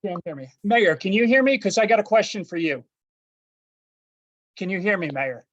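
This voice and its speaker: A man's voice: sits high, animated, moderate pace, a bit bright. Man, public commenter calling in, combative and accusing, muffled lo-fi call audio that breaks up. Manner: confrontational, accusing. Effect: remote call audio breaking up. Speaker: resident speaking at public comment. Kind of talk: public comment at a council meeting. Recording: dull lo-fi remote call line.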